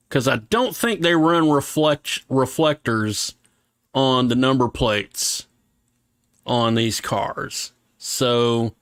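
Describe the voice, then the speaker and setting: A man's voice: mid-range voice, fairly bright tone, dry recording, clean studio sound. Man with a slight lisp, thinking aloud. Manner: thinking aloud, halting, talks himself through small decisions. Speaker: streamer. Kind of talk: casual livestream commentary while working.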